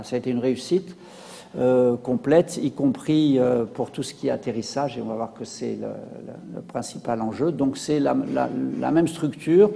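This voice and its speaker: A man's voice: mid-range voice, creaky, warm tone, in a large hall, a little hiss or hum. A man giving a public science lecture with slides, hesitant, with many fillers and restarts.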